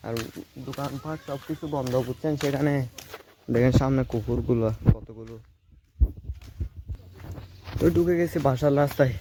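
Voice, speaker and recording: A man's voice: medium pitch, normal speed, pauses often. Young man vlogging outdoors, chatty. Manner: chatty, keeps asking the viewer "understand?"; drops to a hushed voice when people pass. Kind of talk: casual handheld vlog narration. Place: outdoors in a rainy rural village. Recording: outdoor phone audio with clear ambient noise.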